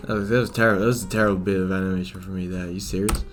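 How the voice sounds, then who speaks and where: A man's voice: deep voice, steady tone, very fast, music in the background. A man animating at his computer, talking to himself in a rambling, fretful way with many restarts. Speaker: animator and video creator. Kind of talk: casual self-talk while working.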